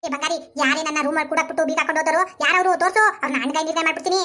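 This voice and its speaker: A woman voicing a bossy, sharp-tongued old mother-in-law in an animated comedy, cursing in a rapid shrill way. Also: soft background music. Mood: scolding.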